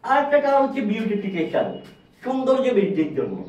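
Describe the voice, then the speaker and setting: A man teaching an English lesson at a whiteboard. He repeats words slowly and asks questions. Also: high-pitched, huge pitch swings, darkish tone. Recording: distant, echoey, dull classroom sound.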